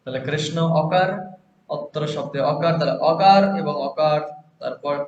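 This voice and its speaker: A man's voice: on the high side, normal speed, darkish tone. A man teaching a grammar lesson, who explains step by step and asks and answers his own questions. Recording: echoey, dull lo-fi room recording with faint hiss.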